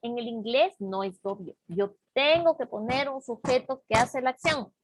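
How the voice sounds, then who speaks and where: A woman teaching an English class, explaining grammar slowly and patiently and checking often that students follow. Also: fairly high pitch, a little hiss or hum. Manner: slow, patient explaining with frequent check-ins. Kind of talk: online class lesson.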